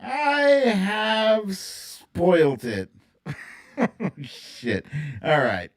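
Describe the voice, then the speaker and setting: Pitch swings hugely in this mid-range voice, and words get drawn out. The host chats playfully with livestream viewers over a casual TV theme quiz, musing aloud as they go and bursting into hummed or sung theme tunes.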